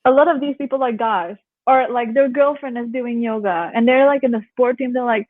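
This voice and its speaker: A young Canadian yoga instructor chats casually as an interview guest, her slightly high voice relaxing but fairly quick. She laughs often and acts out what other people said. The audio sounds like a phone call, with no room sound.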